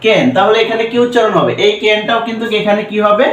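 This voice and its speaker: High-voiced man teaching, echoey. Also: fast, fairly bright tone, muffled recording. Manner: repeats questions and answers them himself; mixes English phrases into Bengali explanation. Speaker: English teacher. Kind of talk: classroom-style pronunciation lesson. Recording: roomy echo, voice from a distance.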